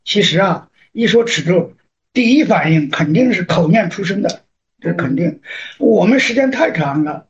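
A man's voice: high voice, animated, normal speed. A man teaching meditation, firmly and patiently explaining chanting practice in a group question session. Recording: dull lo-fi sound with faint noise.

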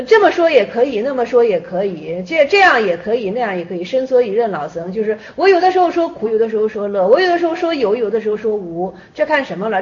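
A woman explaining an old Zen dialogue in a relaxed, repetitive way, pausing often. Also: on the high side. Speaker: Buddhist teacher. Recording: dull lo-fi recording.

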